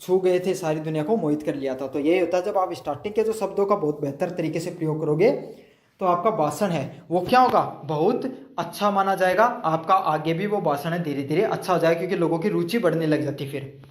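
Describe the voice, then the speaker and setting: Speaking briskly with a slightly high voice in an echoey room, a man helps students through multiple-choice exam questions. He voices his own questions, answers them, and goes over each point again in other words.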